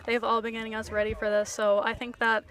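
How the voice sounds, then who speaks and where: Young female college athlete, slightly high voice, upbeat short answers. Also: monotone, fast, fairly bright tone. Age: young adult. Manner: upbeat, simple short sentences. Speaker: team captain. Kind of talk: interview answers.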